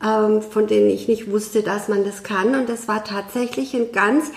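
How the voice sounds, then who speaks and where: A woman guest in a conversational interview, speaking in a measured, thoughtful way with frequent hesitations. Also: mid-range voice, level tone, vocal fry, reverberant.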